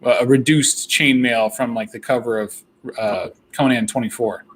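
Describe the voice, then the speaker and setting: A man's voice: medium pitch, fairly even intonation, moderate pace, slight background noise. A man hosting a casual chat on a video call, rambling with frequent restarts. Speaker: host.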